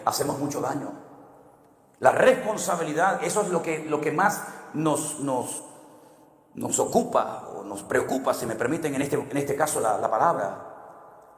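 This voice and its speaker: A middle-aged man from Spain with a Spanish accent, preaching a sermon as a pastor and telling stories, moving from hushed to loud and high. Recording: echoey hall with long reverb.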